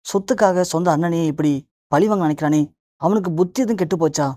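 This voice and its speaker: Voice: medium pitch, fast talker, mellow, dry recording, clean studio sound, lightly acted. A narrator reading the lines of an anxious, tearful older mother-in-law in a retold TV serial. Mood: distressed. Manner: pleading, alarmed questions.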